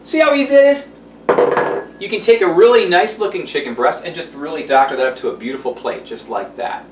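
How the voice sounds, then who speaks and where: A man's voice: fairly high pitch, brisk, distant mic, slight background noise. A man hosting a cooking demonstration, chatty and folksy, full of enthusiasm, recorded in an echoey room away from the mic. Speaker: TV chef host.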